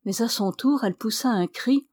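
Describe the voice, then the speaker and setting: A woman reading a novel aloud as an audiobook narrator, measured and even. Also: on the high side, no echo. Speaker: audiobook reader.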